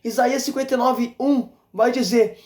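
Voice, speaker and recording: A man preaching a fervent sermon as an evangelist, exhorting and repeating his points with shouts of praise. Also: very high voice, steady tone, normal speed. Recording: roomy echo.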